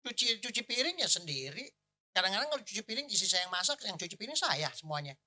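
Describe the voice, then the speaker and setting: A male pastor, preaching in a casual storytelling way, animated and joking, with exclamations. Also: high voice, quick pace.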